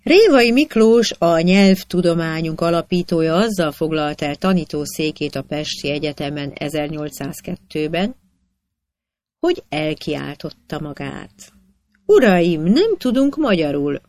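A narrator reading historical anecdotes aloud with a measured storytelling cadence. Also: medium pitch, a little mellow, no room sound.

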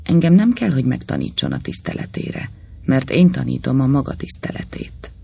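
Male reader as servile lawyer, gravelly, lively pitch, storybook role. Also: dry recording, exaggerated voice. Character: obsequious fawning male lawyer, eager and servile.

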